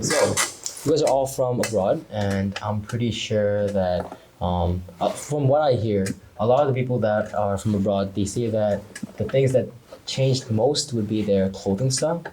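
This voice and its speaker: Young woman host with an unusually low voice and a relaxed, chatty delivery, recorded with clear background noise. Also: rough recording. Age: young adult. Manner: relaxed, lots of "um" and short reactions. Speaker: podcast host. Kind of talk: casual podcast chat.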